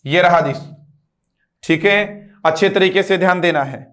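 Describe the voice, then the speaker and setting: A high-pitched, unhurried, slightly bright male voice leads an online English class. He spells each word letter by letter, asks students to echo it, and uses repetition and rhetorical questions to quiz his listeners.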